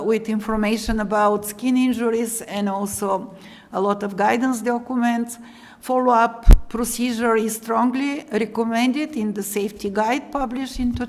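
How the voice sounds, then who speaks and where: Older Bulgarian woman, expert lecturer, halting delivery, higher register, reverberant room sound. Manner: halting, many fillers, careful non-native phrasing. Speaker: lecturer, radiation protection expert. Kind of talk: conference lecture over slides.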